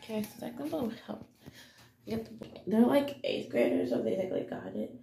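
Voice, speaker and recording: A woman's voice: fairly high pitch, moderate pace, creaky. A young woman vlogging as she gets ready in the morning, rambling and chatty with lots of fillers, in a groggy morning voice. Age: young adult. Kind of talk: casual get-ready-with-me vlog. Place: home, indoors. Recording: roomy echo with steady background noise.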